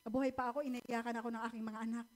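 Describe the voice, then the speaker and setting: A woman's voice: on the high side, level tone, very fast. A middle-aged woman telling her personal faith testimony to a church, in a polite, heartfelt storytelling way. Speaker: church member giving testimony.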